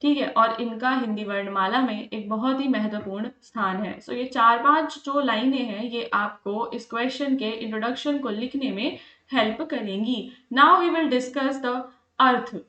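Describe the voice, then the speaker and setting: A woman's voice: fairly high pitch, normal speed, bright, forceful tone. A woman tutoring for an exam, explaining patiently, repeating points and asking checking questions as she goes. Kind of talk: explaining lesson, mixing Hindi with English. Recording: roomy lo-fi recording.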